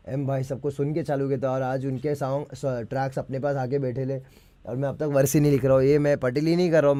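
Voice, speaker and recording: A man explains his rap lines in loose, relaxed talk, mixing English phrases in and often checking that the listener follows. His voice sits at an ordinary pitch and is recorded close and dry, with no room sound. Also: no room sound. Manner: keeps checking the listener understands, mixes English phrases into Hindi. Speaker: rapper explaining his lyrics. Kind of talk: casual lyric breakdown.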